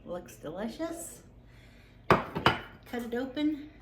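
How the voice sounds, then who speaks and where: A woman hosting a casual home vlog, chatty and relaxed with many ums. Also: a little high, drawn-out words, background noise. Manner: talks while tasting, mouth full. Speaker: home cooking vlogger. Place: home kitchen and growing room. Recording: roomy home echo.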